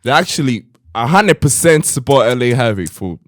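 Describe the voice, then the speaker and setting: A man co-hosting a casual podcast chat, talking in an animated way and reading viewer comments aloud. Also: medium pitch, moderate pace, dry recording, studio quality. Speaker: podcast co-host.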